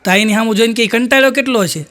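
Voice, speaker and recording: A man telling stand-up jokes, acting out the characters' lines in a higher voice. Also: very fast, a bit bright. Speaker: stand-up comedian.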